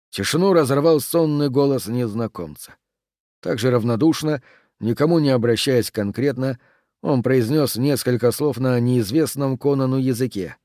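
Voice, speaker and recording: A man reading an adventure story aloud, in even, measured storytelling narration. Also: mid-range voice, no room sound, clean studio sound. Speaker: audiobook narrator. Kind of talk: scripted narration.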